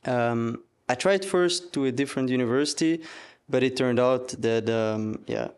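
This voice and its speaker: A young man from Belgium talks through an interview in a relaxed, halting way, filling pauses with plenty of ums. His voice is smooth and clear, at a middling pitch for a man. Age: 20s. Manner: relaxed, hesitant with many fillers. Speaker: student athlete, soccer captain. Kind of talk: casual interview.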